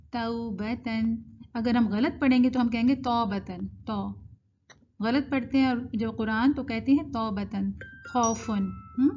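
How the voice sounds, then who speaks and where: A woman teaching Quran pronunciation in an online lesson, patiently explaining and drawing out example words slowly, with English words mixed into her explanations. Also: fairly high pitch, warm tone, dull audio, a little hiss or hum.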